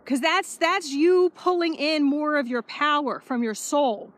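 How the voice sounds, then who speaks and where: High-voiced woman vlogging on a walk. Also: a little slow. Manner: energetic, repetitive, casually swearing. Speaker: spiritual life coach. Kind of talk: casual vlog monologue while walking. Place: outdoors, power walking.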